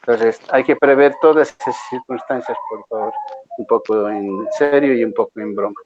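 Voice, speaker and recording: A man's voice: medium pitch, moderate pace, a little mellow, lo-fi sound, slight background noise. A male lecturer patiently explaining exam rules to a class, often checking that students follow. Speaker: university lecturer.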